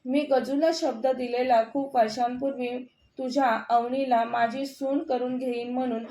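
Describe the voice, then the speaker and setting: Lady voicing a cold scheming mom, bossy and scornful, kinda high voice, roomy echo. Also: steady tone, normal speed, mellow, close to an everyday voice. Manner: scornful and controlling. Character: scheming middle-aged mother, proud and cold. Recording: echoey room.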